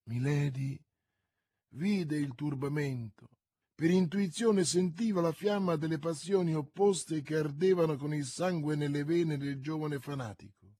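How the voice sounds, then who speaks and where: Slow husky male audiobook narrator. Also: a little high, warm tone, no room sound, studio quality. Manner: measured, theatrical narration. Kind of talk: dramatic literary audiobook reading.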